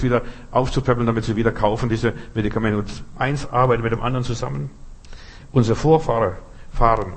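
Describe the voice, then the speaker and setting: Husky-voiced man preaching earnestly. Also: medium pitch. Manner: earnest, exhorting, addresses listener directly. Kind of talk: sermon.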